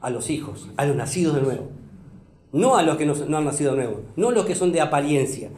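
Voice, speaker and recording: A pastor preaches with emphasis, repeating phrases and putting questions to his congregation. His voice sits high for a man. The echoey church room rings around him. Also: expressive, fast talker, a little mellow. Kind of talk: sermon. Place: church hall.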